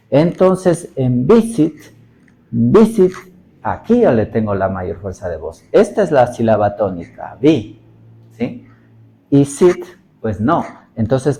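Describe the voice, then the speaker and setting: A man teaching a recorded lesson, explaining patiently and often checking understanding with short tag questions, sounding out example words slowly. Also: medium pitch, dark tone, rough recording. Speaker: English teacher.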